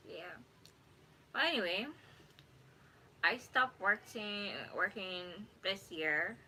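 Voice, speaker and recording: Slow-talking woman chatting on a live stream. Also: mid-range voice, slight background noise, low-quality recording. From Jamaica. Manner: rambling, relaxed, self-correcting. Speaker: YouTuber. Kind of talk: casual live-stream chat. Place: at home. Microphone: phone. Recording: faint background ambience.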